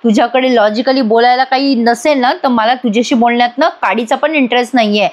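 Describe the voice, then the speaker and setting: Woman reading a bossy older sister-in-law, scolding, highish. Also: fairly quick, highs cut off, natural voice. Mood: stern. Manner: scolding, commanding.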